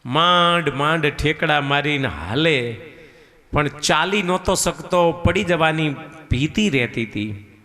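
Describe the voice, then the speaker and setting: A male preacher tells a devotional scripture story in a high, bright voice, unhurried and sing-song. His words carry a long hall reverb, and faint music sits underneath. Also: lively intonation. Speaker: katha preacher.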